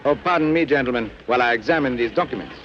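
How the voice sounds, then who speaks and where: An actor playing a dutiful police inspector who speaks formally and politely, in 1960s film acting. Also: male voice, medium pitch, very fast, natural voice. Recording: dull old film soundtrack, street noise.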